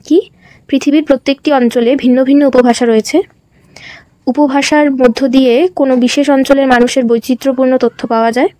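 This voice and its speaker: A young woman from West Bengal, India, talks through a classroom presentation in a high voice, posing short questions and then answering them. Her voice is close and dry, with no room sound. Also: a little fast, dry recording. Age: young adult. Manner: explains in a steady question-and-answer pattern. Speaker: student teacher presenting. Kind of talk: presentation lesson.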